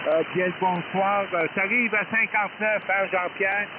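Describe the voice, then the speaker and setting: A man with a high-pitched voice comes through a thin, hissy, narrowband shortwave signal with noise, picked up on a radio transceiver microphone. He's an amateur radio operator in an unscripted ham exchange, courteous and hesitant, often doubling back on his words, keeping a steady tone at normal speed.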